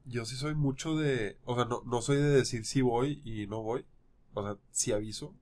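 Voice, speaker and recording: A man chatting casually, relaxed and slangy, swearing often. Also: medium pitch, normal speed. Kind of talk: casual podcast chat.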